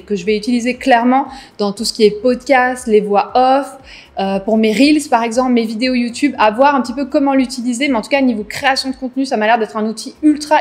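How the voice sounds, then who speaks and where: A woman hosting a casual business vlog, chatty and enthusiastic, piling on superlatives as she talks to her viewers. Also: high voice. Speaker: business content creator host. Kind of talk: casual vlog talk to camera.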